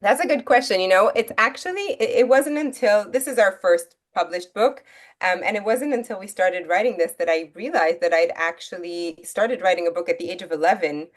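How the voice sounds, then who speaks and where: A woman born in Italy and raised in Belgium, an author answering interview questions in a measured, thoughtful way with frequent pauses. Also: medium pitch. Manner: measured, thoughtful, many ums. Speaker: guest author. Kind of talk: interview conversation.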